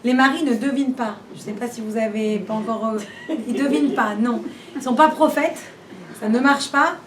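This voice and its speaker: Teaching an informal class in her classroom, this woman talks at a normal speed in a voice on the high side. Her style is chatty, packed with rhetorical questions, and she often repeats or restarts. The audio is distant and echoey, with a little background noise.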